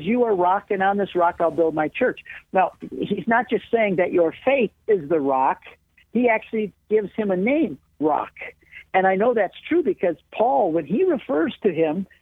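A man speaks as a guest over the phone, his husky voice squeezed through a tinny line with no room sound at all. He explains eagerly, building his points step by step like a lecture. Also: sits high, no room sound. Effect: heard over a phone line. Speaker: radio show guest. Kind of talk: call-in radio explanation.

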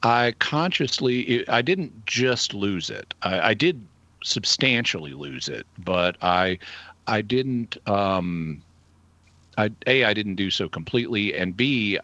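Bright-voiced man with an Arkansas accent. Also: fairly low pitch, dry recording. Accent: Arkansas Southern American. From Arkansas, United States. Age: middle-aged. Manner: deliberate, halting, analytical. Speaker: guest answering listener questions. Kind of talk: conversational explanation.

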